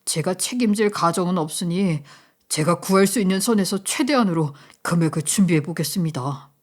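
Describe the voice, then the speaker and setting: A woman voicing a young orphaned male parking attendant, humble and restrained, speaking lower and quieter than her narration. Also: animated, unhurried. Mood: calm, resigned. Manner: lowered, quiet, subdued delivery.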